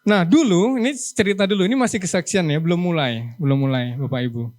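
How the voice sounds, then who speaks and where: A man from Java gives a heartfelt church testimony in a high, light voice. He speaks earnestly and with feeling, slipping into the voices of his parents and his wife. The sound is dry and close. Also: fast talker, darkish tone, no echo. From Java, Indonesia. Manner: earnest, emotional, acts out family dialogue. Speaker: pastor. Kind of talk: sermon testimony.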